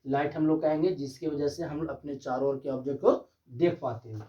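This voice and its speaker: A man's voice: on the high side, fairly even intonation, a little fast, warm tone. Man teaching physics, distant dull sound. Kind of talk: classroom lecture. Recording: dull distant classroom recording.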